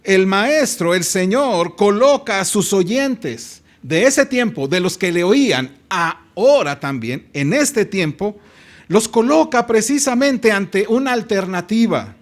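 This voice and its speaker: Taking it slowly, this male pastor speaks in a high, expressive voice with a Mexican Spanish accent. During his church sermon he draws out important phrases and invites the congregation to read with him.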